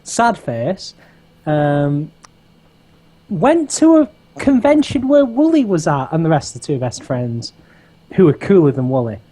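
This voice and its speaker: A man from England co-hosting a game playthrough, joking around in halting casual banter full of fillers. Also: fairly high pitch, very animated, mellow, slightly rough, rough recording. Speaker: co-host of a game let's play.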